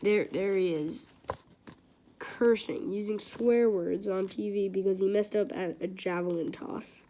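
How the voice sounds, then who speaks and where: A woman's voice: mid-range voice, steady tone, noisy background. A woman reading a children's book aloud, stopping and restarting phrases and turning aside to chat with her live audience. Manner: halting, with many restarts and repeated phrases. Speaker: read-aloud host.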